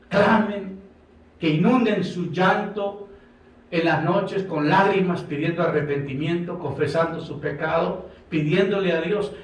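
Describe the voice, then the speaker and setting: Impassioned Colombian preacher, echoey and distant. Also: male voice, fairly high pitch. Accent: Colombian Spanish. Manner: impassioned preaching, acting out dialogue. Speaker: pastor. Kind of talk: sermon. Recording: echoey room from far off.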